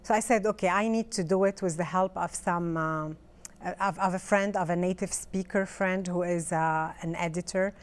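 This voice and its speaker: Speaking in a lowish voice with fairly even intonation at a moderate pace, this middle-aged author from Lebanon, a native French speaker, chats casually in an interview. Her speech is hesitant, full of fillers and frequent restarts.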